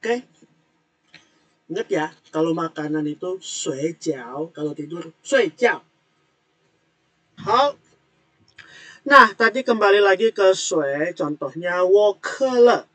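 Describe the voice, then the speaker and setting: A man teaching an online language class, explaining words and tones patiently and repeating them slowly. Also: high-pitched, animated, fairly bright tone. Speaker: Mandarin teacher.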